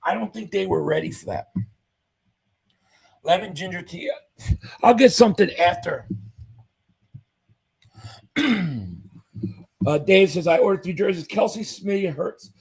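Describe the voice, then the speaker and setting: The audio is poor as a man reads chat comments on his casual sports livestream, sounding like an upbeat fan. His high, darkish voice is expressive but a little slow with frequent pauses, and it's husky and fading because he's losing it.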